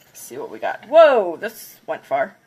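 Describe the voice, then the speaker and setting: A craft livestreamer who is congested from a cold chats casually and counts down before smashing plates. Her voice is husky, on the low side, and a little mellow, with huge pitch swings and an unhurried pace.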